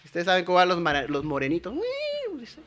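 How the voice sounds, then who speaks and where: A pastor from Los Angeles, preaching to young people and telling a lively story that builds to fervent shouting. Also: male voice, a little high, rapid-fire. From Los Angeles, USA. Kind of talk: sermon at a youth conference.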